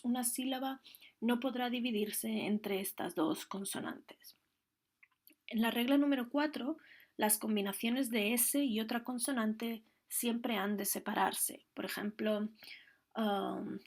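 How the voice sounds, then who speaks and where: A woman teaching a grammar lesson, explaining the rules patiently and carefully, one step at a time. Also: fairly high pitch. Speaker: Spanish teacher.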